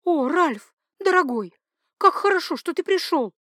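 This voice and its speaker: A woman voicing a passionate young duchess who pleads, weeps and schemes, in a high, breathless voice. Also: expressive, measured pace, fairly bright tone, dry recording, studio quality, exaggerated voice. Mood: desperate pleading.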